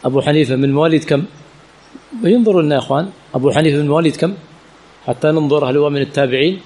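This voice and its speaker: A sheikh with a slightly high, a little mellow voice delivers rapid-fire speech while teaching hadith chain studies. The classroom lesson, with Q&A, is at a religious teaching center, where he repeatedly quizzes his students with rhetorical questions and stresses key words by repeating them.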